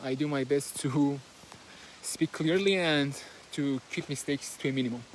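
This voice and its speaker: Out on a walk, a book reviewer whose first language is Persian chats about a book he's summarizing, speaking with a Persian accent and stumbling through fillers and false starts. His voice is mid-range at an ordinary speed. It was captured on a basic handheld phone with no fancy gear, giving a low-quality sound with slight hiss or hum.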